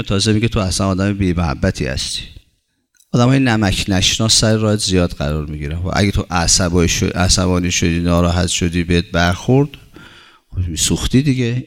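A low-voiced man preaches a sermon as a religious teacher, recites Arabic scripture and then explains it. He builds his points through long runs of short, repeated phrases.

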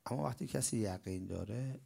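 Man, gravelly voice, religious lecture, rhetorical questions, loud bursts then hushed passages. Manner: emphatic, asks rhetorical questions and answers them; swings between loud bursts and low, quiet stretches.

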